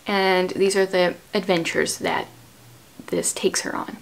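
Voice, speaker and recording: A woman in her thirties, a homeschooling mother, hosts a book chat at home in a small furnished room, explaining conversationally and prompting with questions. Her mid-range delivery is flat and measured. The audio is poor, with a little hiss or hum.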